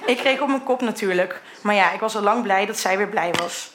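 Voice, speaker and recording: A woman's voice: medium pitch, fairly quick, fairly bright tone, echoey room, slight background noise. A woman in her thirties reading her old teenage diary aloud, candid and sometimes laughing at her own writing.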